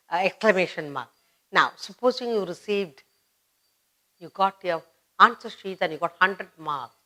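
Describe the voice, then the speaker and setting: A woman teacher with an Indian English accent giving a patient grammar lesson for children, repeating and drawing out each example sentence. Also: medium pitch.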